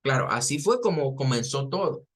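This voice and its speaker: A man teaching an online English class, explaining patiently and repeating words slowly to model their pronunciation. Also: medium pitch, big pitch swings, fairly bright tone.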